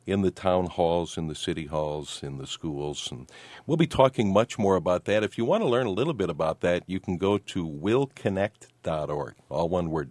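Smooth low-voiced male radio host. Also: darkish tone, no echo. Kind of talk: call-in radio talk show. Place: radio studio. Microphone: studio microphone.

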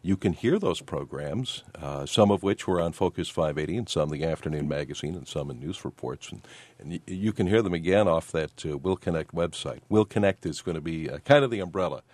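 Smooth male radio host with a deep voice, dry close studio mic, relaxed call-in show delivery. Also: brisk, no room sound. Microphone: studio microphone.

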